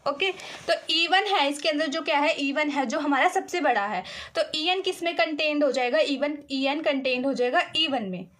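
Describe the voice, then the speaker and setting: A woman with a high voice teaches a mathematics lesson. She works through a proof step by step. She keeps posing questions and answering them herself, slipping English math terms into her sentences. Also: a bit bright. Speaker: mathematics lecturer.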